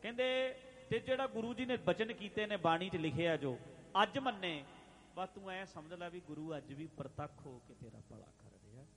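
A man preaching a religious sermon, addressing listeners directly, repeating phrases and chanting scripture lines slowly. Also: high-pitched, animated, a bit bright. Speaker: Sikh preacher.

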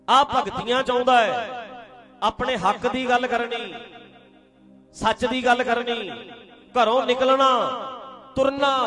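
Animated preacher man. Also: very high voice. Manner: animated, rhetorical questions, rising to loud calls. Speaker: Sikh preacher. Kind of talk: sermon.

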